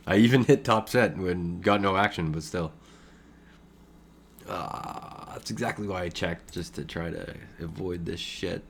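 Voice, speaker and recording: A man's voice: low voice, measured pace, creaky, long pauses, slight background noise. A man commenting on his own online poker game in casual, thinking-aloud talk, with many fillers and chuckles.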